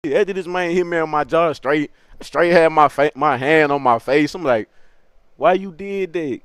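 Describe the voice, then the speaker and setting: Animated young man telling a street story. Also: normal speed, clean tone. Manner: animated slangy street storytelling, laughing, acts out quotes in a high voice. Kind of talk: casual comedic storytelling.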